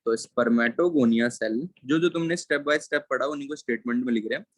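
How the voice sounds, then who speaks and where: Man slowly dictating biology notes. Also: mid-range voice, dry recording. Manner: slow dictation, repeating terms word by word; mixes English terms into Hindi explanation. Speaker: biology teacher. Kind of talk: classroom lecture with board writing.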